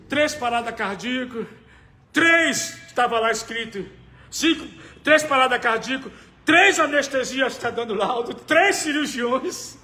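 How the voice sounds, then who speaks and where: A Brazilian man, a pastor, giving a sermon testimony, moving between hushed storytelling and shouted preaching. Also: very high voice, roomy sound. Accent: Brazilian Portuguese. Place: church hall.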